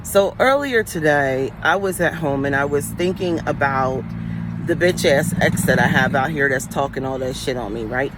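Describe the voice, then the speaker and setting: A woman's voice: extremely low pitch, normal speed. Blunt New York Queens woman, noisy recording. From New York City, Queens. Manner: blunt, streetwise, emphatic, slangy. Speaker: livestreaming spiritual advisor. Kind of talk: casual, profane livestream rant.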